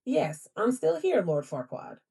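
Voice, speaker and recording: A synthetic-sounding female assistant voice with a lively, rising and falling pitch and a mellow, darker tone. She answers in a polite, accommodating way, with a slight husky edge to the sound. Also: a little slow. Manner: polite, accommodating, formal address. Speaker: smart home voice assistant. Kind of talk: assistant replies.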